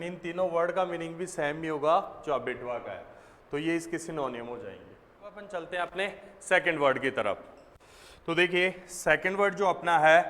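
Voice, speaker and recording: A man's voice: fairly high pitch, fairly bright tone, in a large hall. A man teaching exam vocabulary, explaining step by step and answering his own questions.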